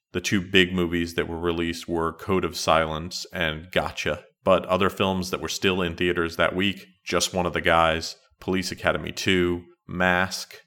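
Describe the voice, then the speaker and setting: A middle-aged man hosting a solo retro podcast in a measured, conversational, matter-of-fact way. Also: sits low, bright, forceful tone. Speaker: podcast host.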